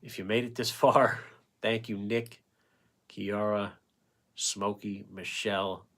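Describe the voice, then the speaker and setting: A man with a somewhat low voice, gone a little hoarse after hours of talking, hosts a painting livestream from home. He chats casually and rambles, thanking viewers by name and answering the chat as he goes. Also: steady tone, slow, a bit bright. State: voice going hoarse from long talking. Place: home painting setup with ring light.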